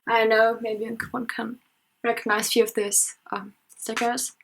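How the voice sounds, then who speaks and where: At night in her parents' house, a nineteen-year-old German-accented woman who studies history and sociology chats through an unscripted casual vlog, self-conscious and full of fillers. Her voice is on the high side, level and unhurried, on a low-quality recording with a little hiss or hum.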